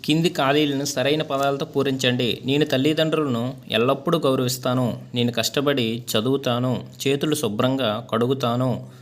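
A male teacher works through a school lesson's exercises. He reads each question and its answer in an even, measured rhythm, at a middle pitch for a man.

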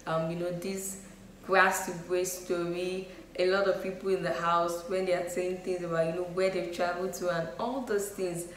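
A woman's voice: fairly low pitch, flat delivery, normal speed. Chatty woman in an echoey room. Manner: chatty, frequent "you know" and "um" fillers. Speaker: YouTube vlogger. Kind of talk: casual opinion vlog. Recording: echoey room with faint noise.

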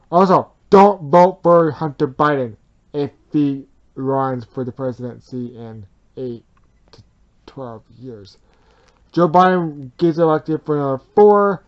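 A man's voice: mid-range voice, dull audio. A man improvising a plush-toy drama in a bedroom, talking in a rambling, swearing way with many restarts into a nearby phone camera. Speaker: puppeteer voicing plush toys. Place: bedroom full of plush toys.

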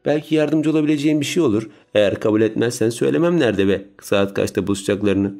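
A man's voice: lowish voice, fast, mellow, lightly acted. A man voicing an earnest, determined young woman who pleads urgently, in a raised voice, in an audiobook reading. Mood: pleading.

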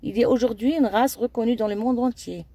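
A woman narrates a scripted documentary in a steady reading voice. Her tone is warm and mellow rather than bright. The recording is dry and close. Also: a little high, a little fast, dry recording. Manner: steady reading with occasional slips. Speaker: narrator of a documentary-style video.

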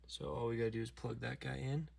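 A man calmly walking through a steering wheel module install from inside his truck, filmed on a phone while he works, with a few near-whispered asides. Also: mid-range voice, creaky, slightly rough. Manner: slow, methodical, talking while working, some near-whispered asides. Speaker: DIY car tutorial maker. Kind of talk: step-by-step how-to narration.

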